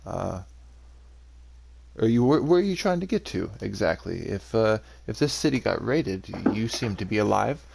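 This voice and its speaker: A man's voice: on the low side, expressive, normal speed, vocal fry, a little mellow, heavily acted. A man voicing a wary, suspicious male forest soldier who asks probing questions with hesitant fillers.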